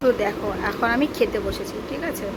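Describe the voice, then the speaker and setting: A woman's voice: a little high, fast, heavy background noise. A young woman, chatting to viewers at home in a casual vlog and scolding her child. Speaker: vlogger. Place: home, indoors.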